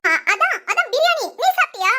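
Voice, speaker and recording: A woman voicing an excitable young wife in a cartoon family comedy, given to whiny, giggly complaints. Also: extremely high pitch, a little fast, background noise. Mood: fretting. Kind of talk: cartoon voice acting.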